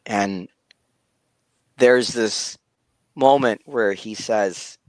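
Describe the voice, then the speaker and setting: A man narrating a tabletop game as game master, halting and repeating words as he goes. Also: lowish voice, no echo.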